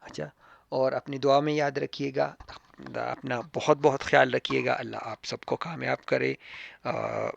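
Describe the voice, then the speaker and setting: A man teaching an English textbook lesson to pupils, with a Pakistani accent, drilling words slowly and repeating each sound loudly. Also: mid-range voice, little pitch movement, gravelly, dry recording, lo-fi sound.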